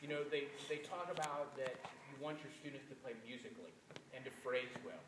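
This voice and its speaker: A man's voice: mid-range voice, steady tone, brisk. A man teaching a music master class, explaining and quizzing his students with energy. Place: concert hall or classroom. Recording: echoey room from a distant mic with noise.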